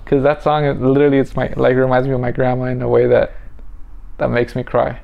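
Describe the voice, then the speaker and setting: Brief: male podcast co-host, mid-range voice, halting casual banter, muffled lo-fi recording. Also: medium pitch, monotone, vocal fry. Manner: rambling, halting, joking. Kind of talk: casual couple chat.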